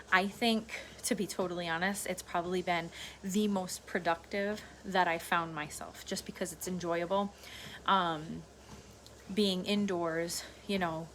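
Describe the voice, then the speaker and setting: A middle-aged woman with a slightly low voice talks off the cuff in a casual vlog. She meanders and circles back over her points in an informal way, with noticeable background noise behind her. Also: poor audio. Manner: informal, meandering, repeats herself. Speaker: vlogger. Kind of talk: casual rambling solo vlog chat. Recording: clear steady background noise.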